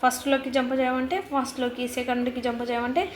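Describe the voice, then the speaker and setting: A woman teacher explaining methods for teaching young children, speaking slowly and repetitively, spelling words out letter by letter with many drawn-out "aa" fillers. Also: high voice, little pitch movement. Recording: echoey room with faint ambient noise.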